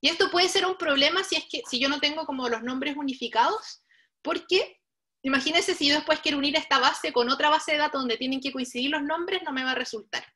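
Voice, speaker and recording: High, bright woman teaching code. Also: a little fast. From Chile. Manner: patient, explains step by step and addresses the learners directly. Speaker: workshop instructor. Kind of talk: live online coding tutorial.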